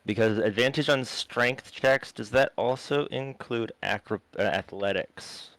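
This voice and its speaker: A man's voice: medium pitch, unhurried, a bit bright, no room sound, poor audio. A man playing a tabletop game, asking a rules question in a hesitant, stumbling way. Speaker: player.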